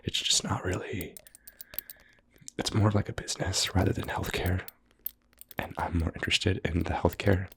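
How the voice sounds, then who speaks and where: Young man, ASMR whisper close to the ear, low and gravelly, casual rambling. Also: fairly even intonation, normal speed, pauses often, slight background noise. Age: 20s. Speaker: ASMR creator, physical therapy student.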